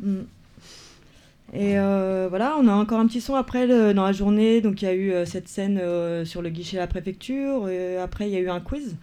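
A man presenting a radio show, speaking in a hesitant, casual way with many pauses and restarts. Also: high-pitched, dark tone, smooth.

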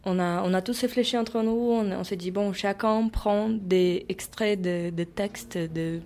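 A woman's voice: mid-range voice, fairly even intonation, measured pace, mellow. A young woman of Brazilian origin answering interview questions casually, with many restarts and fillers. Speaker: interviewee, member of a cultural group.

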